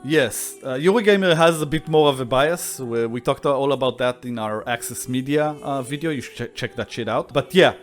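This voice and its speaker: A man's voice: medium pitch, a little fast, hardly any pauses, faint music behind. A man co-hosting a casual podcast, ranting with exasperated, profane outbursts. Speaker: co-host.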